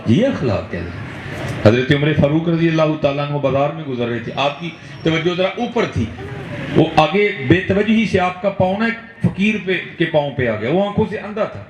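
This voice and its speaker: A man's voice: fairly high pitch, expressive, slight background noise. A man with a Punjabi-inflected Urdu accent, preaching a sermon to a gathering and often checking in with a questioning "hain?". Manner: rhetorical, keeps checking in with the audience with a questioning "hain?"; switches into Punjabi for emphatic exhortation. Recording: echoey, slightly dull hall recording.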